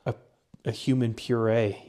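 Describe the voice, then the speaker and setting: This young man co-hosts a casual podcast, presenting research in a rambling chat full of fillers and restarts. His medium-pitched, dark voice stays level and unhurried.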